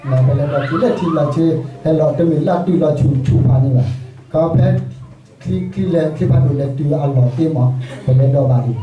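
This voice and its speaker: Recorded from well back in an echoey church sanctuary, a pastor preaches a sermon to his congregation. He talks loosely and conversationally, in a voice that's somewhat high for a man while still dark and soft at the edges.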